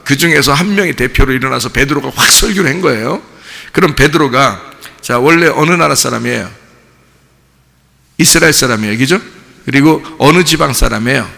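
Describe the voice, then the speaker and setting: A man preaching a sermon as pastor, talking with the congregation, asking them questions and lively acting out the voices he quotes. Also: mid-range voice, a little fast, gravelly, big-room sound. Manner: animated, acts out quoted voices and mimics gibberish tongues; conversational, asks the congregation questions. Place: church sanctuary.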